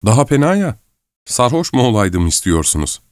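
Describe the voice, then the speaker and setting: A man's voice: mid-range voice, very animated, normal speed, clear, resonant tone, no echo, voice pushed up, lightly acted. A man reading the part of a bashful young woman who protests and pleads in fright, in a dry, close recording. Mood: alarmed pleading.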